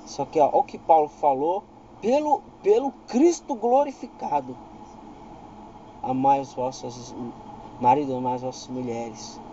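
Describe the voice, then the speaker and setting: Speaking at a measured pace in a warm, mid-range voice, a man with a Brazilian Portuguese accent teaches the Bible informally. This preacher reads verses with building emphasis and regularly checks if you understand, on a muffled recording with a bit of hiss or hum.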